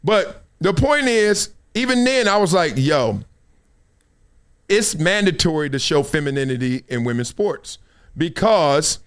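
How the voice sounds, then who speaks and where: Middle aged american guy hosting a show, high voice that swings all over, jokey slangy storytelling. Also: a little slow, clear, resonant tone. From United States, South Central Los Angeles. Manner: animated, joking, slangy. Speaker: show host. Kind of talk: casual commentary and storytelling.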